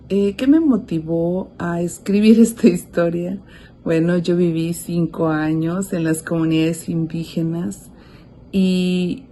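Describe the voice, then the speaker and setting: A woman's voice: on the low side, dark tone, a little hiss or hum. A woman author talking about her writing in a hesitant way, with many fillers, over a video call.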